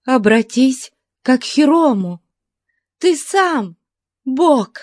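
A woman voicing a terrified young female captive who pleads in a high, breathless voice. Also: expressive, takes it slowly, a little mellow, no room sound, clean studio sound, exaggerated voice. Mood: desperate pleading.

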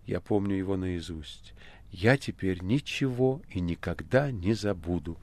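A man voicing a weary, resigned male writer in an audiobook, speaking low and quietly. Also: fairly even intonation, fast talker, vocal fry. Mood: calm. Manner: low, hushed and subdued. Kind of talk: audiobook character voice.

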